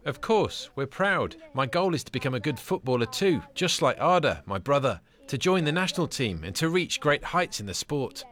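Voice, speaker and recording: A man's voice: mid-range voice, big pitch swings, normal speed, hardly any pauses, fairly bright tone. Earnest young male player. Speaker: young footballer.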